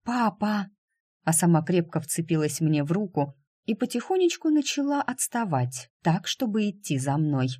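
A man reading a first-person novel aloud as an audiobook narrator, in a calm, even way. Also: on the high side, moderate pace, few pauses, no echo, studio quality.

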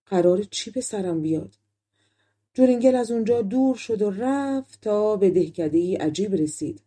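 A woman reading a fairy tale as an audiobook narrator, telling it calmly in a relaxed spoken style. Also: medium pitch. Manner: calm storytelling in colloquial spoken forms. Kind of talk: storybook narration.

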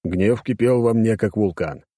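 A man's voice: lowish voice, a little slow, dark tone, dry recording, studio quality. A man reading a first-person audiobook in a casual, crude, wisecracking manner. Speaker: audiobook narrator.

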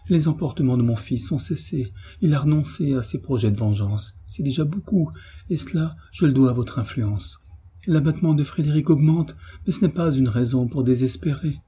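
A man's voice: medium pitch, moderate pace, warm tone, breathy edge, pitched above the performer's own voice. A man reading aloud, voicing a young mother who begs desperately in an imploring, supplicating way. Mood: pleading.

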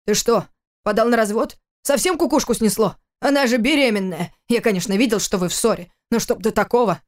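A woman reading the part of a stern, domineering older father-in-law, gruff and commanding. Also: on the high side, fairly quick, close to an everyday voice.

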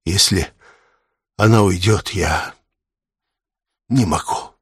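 A man's voice: low-pitched, takes it slowly, husky, no echo, studio quality, heavily acted. A man playing an anguished middle-aged man who speaks in a choked, theatrical voice, in an audiobook. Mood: despairing.

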